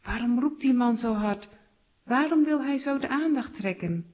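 A woman's voice: high-pitched, moderate pace, slightly rough, voice pushed up. A woman voicing a dismissive crowd of townspeople who grumble about a beggar. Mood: scornful. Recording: slightly dull recording.

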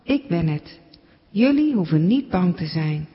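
A woman voicing a calm, gentle adult male teacher who speaks softly and reassuringly. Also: fairly low pitch. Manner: soft, reassuring, unhurried. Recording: dull recording with long reverb.

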